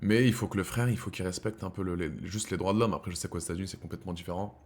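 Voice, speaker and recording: A man's voice: low-pitched, fairly even intonation, rapid-fire, darkish tone. A man with a French accent hosting a live stream, talking bluntly and casually to his viewers in slang. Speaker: streamer host.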